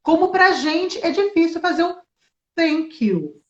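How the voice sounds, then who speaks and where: A woman English teacher in a relaxed interview, lively and explaining with spoken examples. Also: very high-pitched, measured pace. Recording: echoey, dull lo-fi sound.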